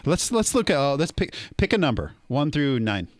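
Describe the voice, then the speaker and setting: Man, podcast co-host, casual chat, animated pitch, jokey, swears a lot, dry sound. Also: normal speed, dry recording. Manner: laughs often, swears freely, joking.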